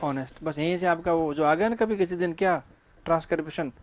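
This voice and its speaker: Speaking fairly quickly in a slightly high voice, a male English teacher gives a grammar lecture to his class. He asks rhetorical questions, supplies the answers, and makes casual jokes in passing.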